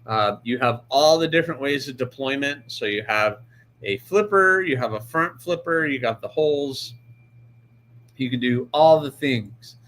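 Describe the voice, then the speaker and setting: A man's voice: medium pitch, animated, a little slow, fairly bright tone. A man hosting a live stream about pocket knives, chatting casually, greeting viewers by name and restarting sentences as he handles a knife. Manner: handles the knife while talking, restarts often.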